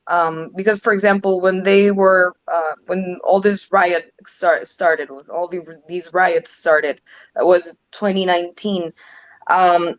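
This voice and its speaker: A woman's voice: on the low side, no echo, dull audio. A woman from Ecuador, answering interview questions earnestly and restarting her sentences often. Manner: earnest, frequent restarts and "um" fillers. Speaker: interview guest, legislative advisor.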